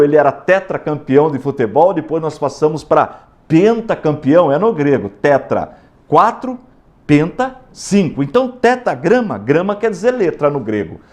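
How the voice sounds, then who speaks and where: A Brazilian Portuguese-accented man teaches a Bible lesson as a pastor, with a high voice that swings widely in pitch. He is emphatic and drills his points by repeating words and sounding out letters one at a time.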